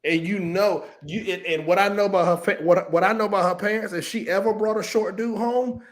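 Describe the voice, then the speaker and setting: High-voiced man, emphatic casual chat. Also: fairly even intonation, brisk. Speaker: podcast co-host.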